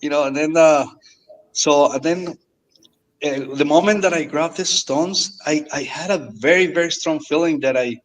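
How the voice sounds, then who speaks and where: Earnest man, halting speech. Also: on the high side, low-quality recording. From Mexico. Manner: halting, earnest, repeats words often. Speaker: guest. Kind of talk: casual storytelling.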